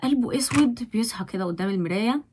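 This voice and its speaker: Fast-talking Egyptian woman vlogger. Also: on the high side, a little hiss or hum. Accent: Egyptian Arabic. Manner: emphatic and lively, with sudden loud stresses. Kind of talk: motivational talk to camera.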